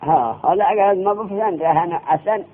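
A man teaching a classroom grammar lesson, quizzing his students with quick questions. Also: high-pitched, a little hiss or hum. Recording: tinny lo-fi classroom recording.

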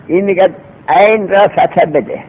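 A man teaching a seminary grammar lesson, explaining patiently and repeating himself, asking rhetorical questions. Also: breathy edge. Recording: tinny phone-like recording with faint rumble.

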